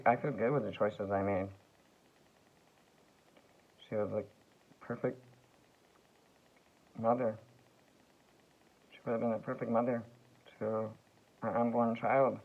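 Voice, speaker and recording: A man rambling through a slow, halting vlog monologue full of fillers and restarts. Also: mid-range voice. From United States. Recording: tinny phone-like sound.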